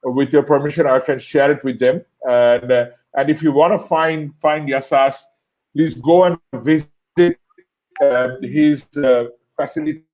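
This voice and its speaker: A man from Bangladesh hosting an interview show, thanking his guest in a halting way, with many fillers and repeated words. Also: mid-range voice, fairly even intonation, a little mellow. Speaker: host. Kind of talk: closing an online interview show.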